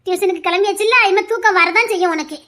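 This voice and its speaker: A fussing village mother , played by a woman, coaxes and grumbles at her child. She pitches this voice lower than her other voices, though it stays high and bright. It is comic skit acting. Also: racing. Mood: grumbling. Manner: coaxing then grumbling, talks in long runs.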